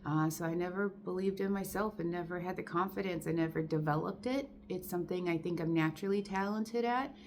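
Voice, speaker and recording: A woman's voice: fairly low pitch, brisk, few pauses, background noise. A woman in her forties talking straight to the camera in a candid, emotional and defiant vlog, full of fillers and restarts. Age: 40s. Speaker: vlogger.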